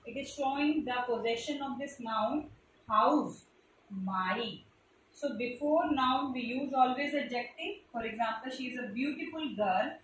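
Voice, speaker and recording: A woman's voice: sits high, unhurried, a little hiss or hum. A woman teacher with an Indian English accent, explaining grammar step by step to pupils in a classroom and spelling out letters. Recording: echoey room recorded from a distance.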